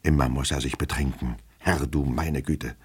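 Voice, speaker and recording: A man voicing a fretful, fussy middle-aged male clerk who turns shrill and anxious when scolding. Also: animated, normal speed, darkish tone, breathy edge, exaggerated voice.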